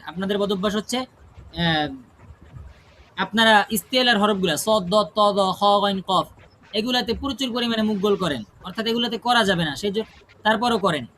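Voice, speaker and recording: Male recitation teacher, high bright voice, demonstrates each sound aloud for his students, often checks "right?". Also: a little hiss or hum. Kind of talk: classroom pronunciation lesson. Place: class with students present.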